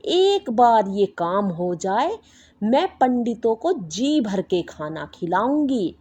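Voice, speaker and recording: A woman's voice: mid-range voice, very animated, slow, a little mellow, husky, full character voice. A woman voicing a harsh, scheming middle-aged mother-in-law who scolds and gives commands in a storybook. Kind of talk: storybook voice acting.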